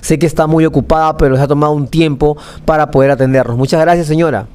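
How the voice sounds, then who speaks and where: Here the anchor speaks fast in a fairly high, fairly even voice that is smooth and darkish. He is a young man with a Peruvian accent, seated at a small TV studio's news desk, emphatically delivering live news and interviews and often repeating phrases.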